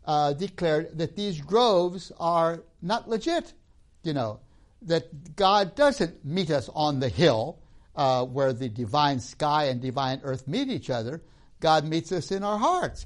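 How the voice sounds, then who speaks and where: A man with a fairly high voice who grew up in Tanzania gives a storytelling lecture on religion and myth, often ending his points with a tag question.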